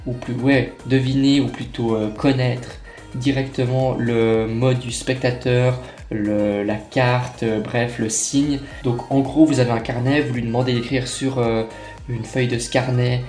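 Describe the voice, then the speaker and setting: A young man talks his way through an unboxing in a loose, chatty manner, full of fillers and self-corrections. His voice sits in a middle pitch. The room is echoey, with faint music behind. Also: level tone, unhurried, a little mellow. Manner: chatty, many fillers and restarts. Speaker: magic unboxing vlogger. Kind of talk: casual unboxing chat. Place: room at a table. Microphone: camera on tripod.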